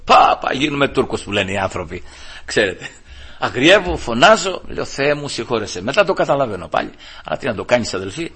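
A man preaching a sermon to his congregation, often calling them brothers, with emphasis that swings between loud, high passages and quiet, low asides. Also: big pitch swings, husky. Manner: addresses listeners as brothers, rising and falling emphasis.

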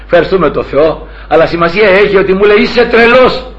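A man in his sixties preaches with fervor, retelling scripture and his own stories. His voice sits high for a man. The recording sounds dull and lo-fi. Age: 60s. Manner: fervent, storytelling, often addressing brothers. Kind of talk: sermon.

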